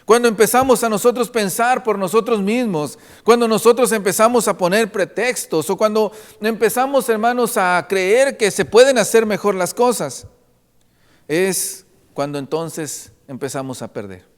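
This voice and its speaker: A man's voice: sits high, moderate pace. A male preacher delivering an earnest sermon and repeatedly calling out to the congregation as his brothers. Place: church. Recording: long reverb of a church hall.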